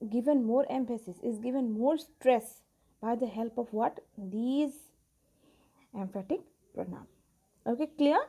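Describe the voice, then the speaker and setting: Slow-spoken woman teaching grammar. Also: a little high, warm tone. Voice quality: repetitive, asks "Okay, clear?" and "Yes or no?" often. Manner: slow and deliberate, stressing key words. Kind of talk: grammar lesson over a screen recording. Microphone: screen-recorder voice-over.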